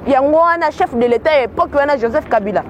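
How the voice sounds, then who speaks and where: A woman from Kinshasa with a Congolese accent gives earnest commentary mixing Lingala and French, often repeating words while searching for the right one. Her voice is high and expressive, and she talks fast. The recording is muffled, with a little hiss or hum.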